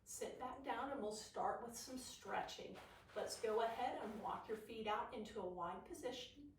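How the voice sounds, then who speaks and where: A woman's voice: a little high, normal speed, a little hiss or hum. A woman working as an aerobics instructor, leading a follow-along workout by cueing and counting out moves in an encouraging way. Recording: echoey room, distant mic.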